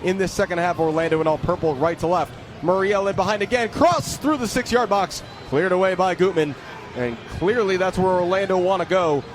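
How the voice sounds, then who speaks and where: Speaking a little fast in a high voice, a man gives play-by-play soccer commentary live on radio. He's in an open-air stadium, and the outdoor recording is full of loud stadium ambience.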